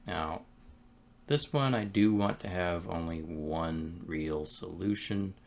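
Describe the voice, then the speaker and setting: Very deep, gravelly man musing aloud. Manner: relaxed, musing, talks to himself between pauses. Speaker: game developer streaming his work. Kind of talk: casual thinking-aloud commentary while working.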